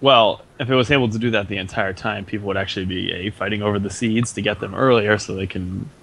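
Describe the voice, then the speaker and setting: A man co-hosting a casual gaming podcast, telling his points in a lively storytelling way. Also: on the low side, fast talker, gravelly, slight background noise. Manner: lively storytelling, laughs easily. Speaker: podcast co-host.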